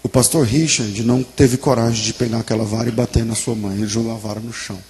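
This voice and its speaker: A man preaching a sermon and telling a story with emotion, moving between hushed lines and emphatic ones. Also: medium pitch, steady tone, fast talker. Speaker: pastor.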